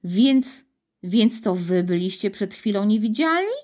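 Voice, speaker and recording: A woman's voice: medium pitch, expressive, a little slow, darkish tone, close to an everyday voice. A woman voicing a flustered, bewildered middle-aged male city mayor in a storybook reading, puzzled and slightly fussy. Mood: contrite.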